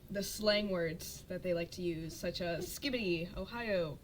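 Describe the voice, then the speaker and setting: Lowish-voiced teen girl hosting a chat. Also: unhurried, slight background noise. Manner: chatty, lots of fillers. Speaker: host. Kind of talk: casual podcast chat.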